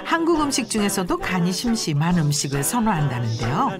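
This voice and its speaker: Female narrator for a TV health program, lively rising and falling voice, mid pitch, loud music underneath. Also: brisk. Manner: expressive, sing-song delivery. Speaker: documentary narrator. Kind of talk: scripted TV narration. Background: loud background music.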